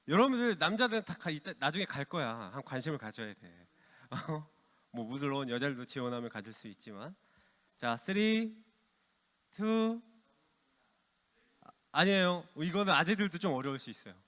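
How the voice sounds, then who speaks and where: A middle-aged man preaching to teenagers as youth pastor, lively and calling them by name. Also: on the high side, moderate pace, pauses often. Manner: lively, addresses teens by name. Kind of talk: youth sermon with quiz. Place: church hall. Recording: long hall reverb.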